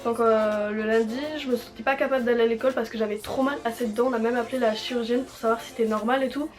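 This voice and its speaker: A young woman vlogger chats through a personal story at a quick clip. Her voice sits fairly high and her wording is informal and slangy. Music plays behind her. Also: steady tone. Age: teenager or young adult. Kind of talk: casual storytime chat.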